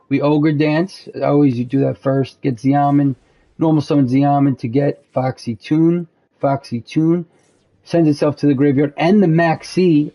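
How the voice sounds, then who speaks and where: Tired, hoarse man with a gravelly voice. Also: on the high side, highs cut off. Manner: rambling, full of fillers and restarts. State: losing his voice, tired. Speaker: card game channel host. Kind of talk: casual gameplay commentary.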